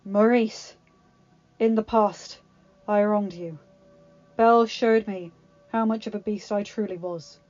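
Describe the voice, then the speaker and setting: A woman's voice: mid-range voice, fairly even intonation, lightly acted. Beast, a woman doing a looming male monster. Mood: remorseful. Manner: slow, loud and threatening. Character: hulking male beast, fierce yet gentle. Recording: dull lo-fi sound with music.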